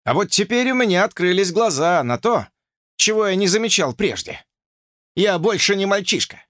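A man's voice: high voice, expressive, moderate pace, fairly bright tone, no room sound, studio quality, voice pushed up. A man voicing an agitated, lovesick young man who talks insistently and stammers.

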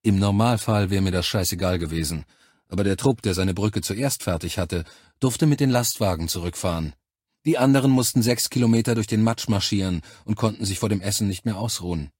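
A man reading a science fiction novel aloud in calm, measured first-person narration. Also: fairly low pitch, husky, dry recording, studio quality. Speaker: audiobook narrator.

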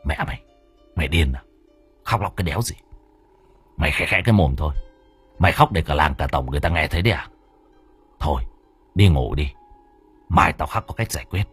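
A man voicing a rough, short-tempered village gang boss who curses and barks orders. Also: extremely low pitch, lively intonation, fairly quick, pauses often, fairly bright tone, soft background music, voice pushed down, full character voice. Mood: gruff. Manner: gruff, cursing, bossy.

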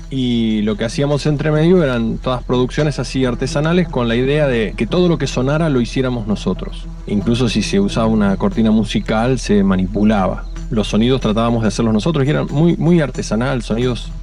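A man's voice: medium pitch, darkish tone. A man with an Argentine accent reminiscing casually about making radio programmes.

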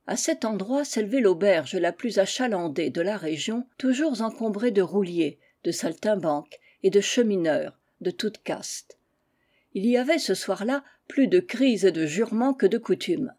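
Mellow-voiced woman reading a tale. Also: mid-range voice. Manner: calm, measured reading. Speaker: audiobook reader. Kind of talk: literary audiobook narration.

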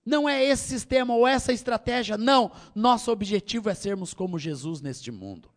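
A middle-aged Brazilian pastor with a Brazilian Portuguese accent preaches a sermon, ranging from loud, high exhortation down to quiet, low tones. He sounds expressive and moves briskly.

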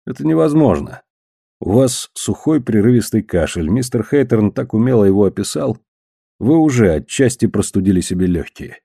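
A man reading the part of a calm, ironic man who speaks softly and slowly in an audiobook. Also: on the low side, creaky, slightly rough, dry recording, studio quality, full character voice. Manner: soft and slow-spoken. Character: calm ironic man, gentle, quietly menacing.

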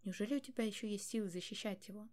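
Woman doing a weary old king father, quiet and resigned, mellow. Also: mid-range voice, very fast, lightly acted.

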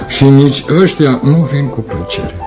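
An actor playing a very old, devoted manservant in a radio play, sighing and grumbling slowly. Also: male voice, medium pitch, music in the background, natural voice. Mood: weary. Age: older. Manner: slow, sighing, mumbling complaints. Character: ancient male servant, weary, devoted, grumbling.

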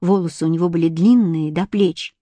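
A woman calmly reading a first-person children's story aloud. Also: fairly low pitch, no echo. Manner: calm, unhurried first-person telling. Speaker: audiobook reader. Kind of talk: storybook narration.

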